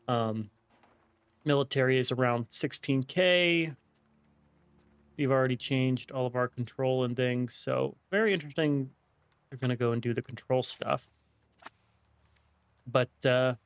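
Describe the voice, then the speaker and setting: This gaming video host is a man of medium pitch whose dental retainer gives him a slight lisp. In casual let's play commentary, he thinks aloud and weighs his options one at a time, with a little background noise.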